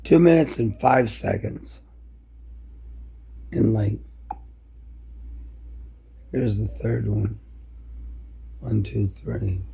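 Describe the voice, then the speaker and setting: A man speaks very slowly in an extremely creaky, rough and husky voice. He announces dates and times like someone dictating a log, halting and correcting himself as he goes. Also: on the low side, expressive, mellow. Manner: halting, deliberate, self-correcting.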